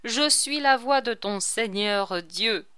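A woman's voice: a little high, expressive, takes it slowly, pushed and bright, clear, resonant tone, dry recording, clean studio sound, exaggerated voice. A woman reading aloud, voicing a stern, accusing voice that claims to be God. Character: booming accusing voice posing as God.

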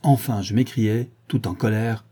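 A man giving a measured, expressive reading as the narrator of a novel. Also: lowish voice, husky. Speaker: audiobook reader.

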